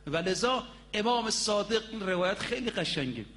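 A man's voice: sits high, lively intonation, fairly bright tone, slight background noise. A man preaching a sermon. He tells stories emphatically, stretches out key words, and speaks directly to his audience. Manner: storytelling, addresses the audience directly.

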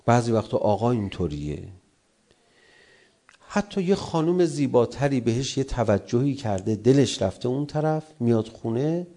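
A man's voice: medium pitch, big pitch swings, mellow. A middle-aged man, a cleric, giving a sermon about love and anger, acting out quarrelling spouses in raised voices.

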